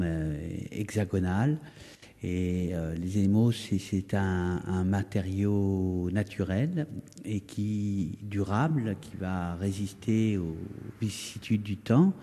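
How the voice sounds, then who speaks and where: A man, an artist explaining their work in an interview, halting and searching for words, in an echoey hall. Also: sits low, dark tone. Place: indoor hall of a townhouse. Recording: echoey, resonant building interior.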